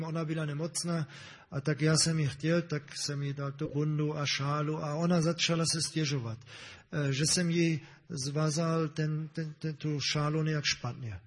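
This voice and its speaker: A man preaching a sermon in a relaxed, conversational way, with many fillers and restarts, often checking in with his listeners. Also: fairly high pitch, long reverb tail. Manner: asks the congregation "ne?".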